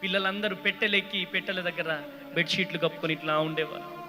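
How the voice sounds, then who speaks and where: Impassioned high-voiced pastor. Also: male voice, steady tone, quick pace. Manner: impassioned, swings from soft to shouted calls. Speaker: pastor giving a testimony. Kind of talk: emotional testimony sermon. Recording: reverberant hall with faint music.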